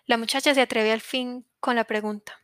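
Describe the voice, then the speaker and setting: A woman reads a literary story aloud in a measured, solemn way. Her voice is fairly high. The recording is close and dry, with no room sound. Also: steady tone, fairly bright tone, no echo. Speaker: narrator.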